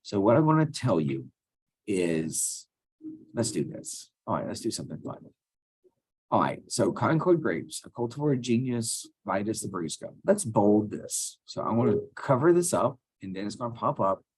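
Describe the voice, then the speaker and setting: He's very animated, speaking at normal speed in a lowish, husky voice. Thinking aloud while clicking, this teacher takes students step by step through a computer task in a screen-recorded lesson.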